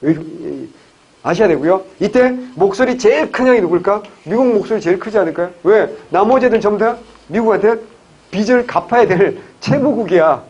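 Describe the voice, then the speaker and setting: Fast-talking, husky-voiced male lecturer. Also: high-pitched, expressive, darkish tone, dull audio. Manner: joking, asks the class quick questions. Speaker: civil service exam history lecturer. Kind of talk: classroom lecture.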